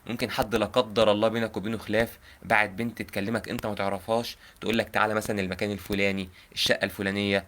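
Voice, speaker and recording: A man's voice: on the low side, level tone, very fast, fairly bright tone. A young man with an Egyptian accent giving earnest, informal advice on a live call. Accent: Egyptian Arabic. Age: young adult. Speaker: prank caller giving advice.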